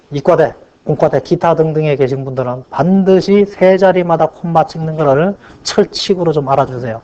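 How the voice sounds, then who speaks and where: This accounting lecturer is a man whose voice is high yet darkish in tone. Teaching his class, he raises questions, answers them on his own, and lingers on key points with drawn-out stress, all captured in a dull lo-fi recording.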